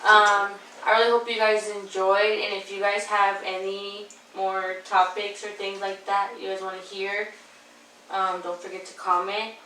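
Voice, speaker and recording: A young woman hosts a relaxed home podcast, talking in a chatty way full of fillers. Her voice is bright and forward. The mic picks her up from a distance in a roomy, echoing space. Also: medium pitch, measured pace, slight background noise. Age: young adult. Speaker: podcast host. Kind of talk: casual chat. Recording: echoey room, distant mic.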